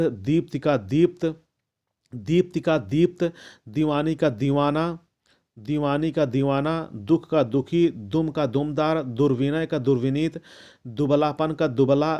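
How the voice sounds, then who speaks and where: A man reading out a long list of word pairs as a lesson, measured and methodical, with the odd restart. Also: medium pitch, dark tone. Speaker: teacher reading a Hindi vocabulary list. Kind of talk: slow recitation of word pairs.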